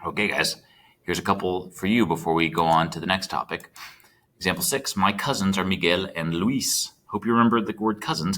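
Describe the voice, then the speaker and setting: A man's voice: low-pitched, pushed and bright. A man teaching a recorded Spanish lesson, chatty and checking in with his students as he types. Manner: chatty, checks in with students, talks while typing.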